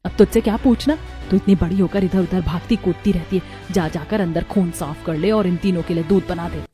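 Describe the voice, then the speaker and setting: Scolding cartoon mother who favors her sons, voiced by a woman, lowish mellow voice, faint music. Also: fairly quick, close to an everyday voice. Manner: scolding, harsh. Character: stern, favoritist mother of a daughter and three sons. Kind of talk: cartoon voice acting.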